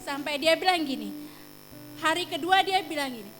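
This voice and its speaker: A woman's voice: high voice, lively intonation, moderate pace, a bit bright, slight background noise. A woman telling a chatty testimony at a church service, acting out the dialogue she recounts and sprinkling in casual fillers and exclamations. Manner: chatty storytelling, acts out quoted dialogue. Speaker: church member giving a testimony.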